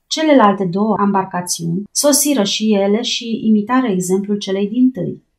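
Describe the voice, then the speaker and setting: A woman reading a novel aloud as an audiobook narrator, raising her voice for the sailors' shouts. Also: medium pitch.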